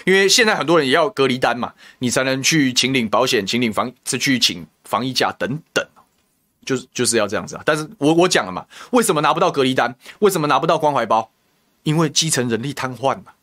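A man's voice: mid-range voice, animated, quick pace, bright, forceful tone. A man with a Taiwanese Mandarin accent hosting a political talk show, venting in heated commentary full of rhetorical questions and insults. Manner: indignant, rhetorical, name-calling.

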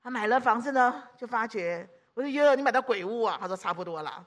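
Woman, preacher, fairly high voice, emphatic, loud declarations, hushed asides, rhetorical questions. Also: lively intonation, fast talker. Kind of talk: lively sermon.

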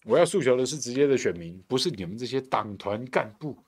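A man's voice: medium pitch, expressive, quick pace, a little mellow, slightly rough. A man hosting a podcast, delivering a combative, sarcastic political commentary monologue. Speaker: podcast host and council candidate.

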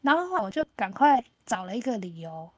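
Podcast co-host: woman, chatty storyteller who acts out quotes, mid pitch, dry close recording. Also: fairly quick, slightly rough, dry recording. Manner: lively storyteller who acts out the other person's lines. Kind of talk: casual chat, storytelling.

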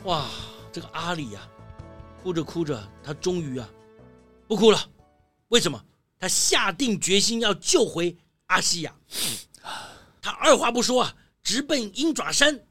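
Lively woman telling a children's story. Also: on the low side, measured pace, breathy edge, faint music behind. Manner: lively, exclaiming, full of fillers like 哎呦. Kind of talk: animated children's story narration.

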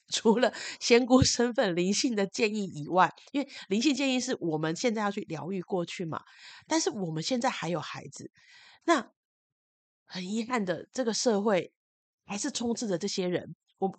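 A woman hosting a podcast, telling personal stories and advice with lively acted-out quotes. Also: medium pitch, moderate pace, no echo. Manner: animated storytelling, loudly acts out quoted speech. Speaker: podcast host and spiritual adviser. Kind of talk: personal storytelling monologue.

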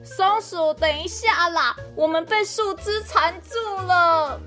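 A woman's voice: extremely high pitch, fairly even intonation, slow pace, pushed and bright, faint music behind, voice pushed up, full character voice. A woman voicing a timid, frightened little rabbit in a children's story, whiny and pleading.

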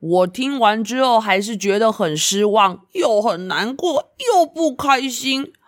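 A woman's voice: fairly high pitch, animated, no echo, clean studio sound. A woman voicing Wyatt, a whiny little boy. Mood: sulky. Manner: whiny, sulky, drawn-out complaints. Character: grumpy, easily upset little boy Wyatt. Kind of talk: storybook reading for children.

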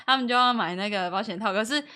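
Bright, chatty Taiwanese woman. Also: mid-range voice, quick pace. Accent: Taiwanese Mandarin. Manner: chatty storyteller who laughs easily. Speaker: podcast co-host. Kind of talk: casual couple podcast chat.

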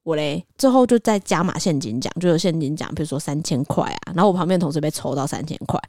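Podcast co-host, woman, slightly low pitch, animated and quick, dry studio mic. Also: no room sound. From Taiwan. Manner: animated, acts out voices with squeals and exclamations. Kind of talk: casual storytelling chat.

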